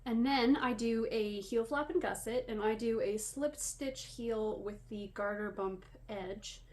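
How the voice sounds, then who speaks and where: A Canadian woman who dyes yarn hosts a podcast, chatting casually in a rather high, unhurried, slightly mellow voice. She sounds a bit wheezy and short of breath, wandering into rambling, self-deprecating asides. Background room noise is clearly audible.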